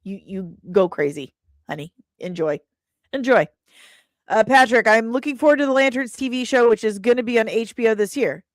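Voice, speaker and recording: A woman with a somewhat high voice hosts an entertainment news livestream, reading and answering chat comments at a moderate pace. She's playful, chatty and irreverent, tossing out pet names and slang. The sound is clean studio quality with no echo.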